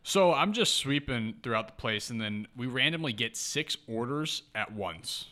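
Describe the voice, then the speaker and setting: A man's voice: mid-range voice, moderate pace. A young man co-hosting a podcast, telling a story in casual chat and acting out the people in it. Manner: animated, acts out the people in his stories. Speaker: podcast co-host.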